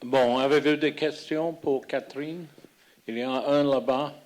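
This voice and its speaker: A man with a foreign accent in French, not a native speaker, moderating a conference and searching haltingly for his words. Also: medium pitch, fairly even intonation, a little mellow.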